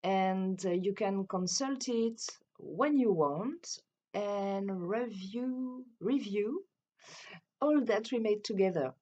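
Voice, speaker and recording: Speaking slowly at medium pitch, a woman from France who teaches French introduces herself in an animated but hesitant, explanatory way, frequently starting sentences over. Her accented voice is mellow, and the recording's highs are cut off.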